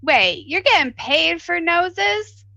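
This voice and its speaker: A woman's voice: extremely high pitch, very animated, slow, creaky, pushed and bright, no echo, lo-fi sound, pitched above the performer's own voice, heavily acted. A woman playing a free-spirited, brash adventurer with a slightly crackly voice and blunt, slangy talk.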